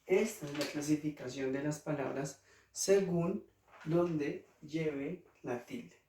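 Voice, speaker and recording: Slow patient Colombian teacher, roomy sound. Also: male voice, a little high, mellow. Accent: Colombian Spanish. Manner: patient, repeats each example word slowly. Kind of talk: slow classroom explanation to children. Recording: roomy, distant mic, faint noise.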